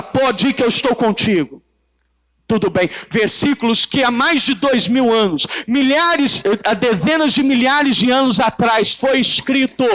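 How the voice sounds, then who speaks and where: A man's voice: high voice, a bit bright. A man with a Brazilian Portuguese accent preaching a church sermon, emphatic and repetitive, drawing call-and-response from the congregation. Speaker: pastor.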